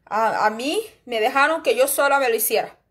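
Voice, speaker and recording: A woman with a high, bright voice gives an earnest religious testimony. She circles back over the same phrases again and again. She keeps turning to her listeners as brethren while she preaches. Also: lively intonation, a little fast, slightly rough. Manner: repetitive, earnest, often addressing listeners as brethren. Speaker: lay preacher sharing a revelation.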